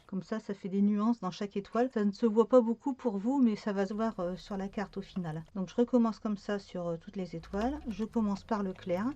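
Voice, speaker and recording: A woman's voice: mid-range voice, warm tone, dry recording, dull audio. A woman talking through a card-making tutorial in a casual, hesitant way, with many fillers and self-corrections.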